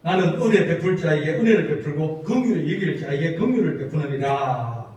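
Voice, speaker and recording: A man's voice: fairly high pitch, expressive, a little fast, a little mellow. A man preaching a sermon, telling stories and drawing out phrases for emphasis, in a church. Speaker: pastor. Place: church sanctuary. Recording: roomy church sound, mic from a distance, faint room noise.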